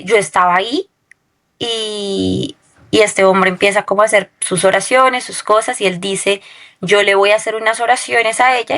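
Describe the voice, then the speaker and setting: A woman recounts a personal testimony as an interview guest. She talks in a storytelling way and keeps checking in with her listener with a quick questioning tag. Her voice sits in a middle register. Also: mid-range voice, a bit bright.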